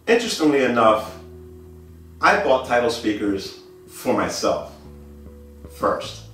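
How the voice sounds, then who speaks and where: A middle-aged audio dealer shows off products informally in an indoor listening studio with wooden floors, emphatic and given to repeating phrases. His medium-pitched voice is sing-song, slow and fairly bright. A handheld camera a few meters off picks him up in an echoey room with music playing behind.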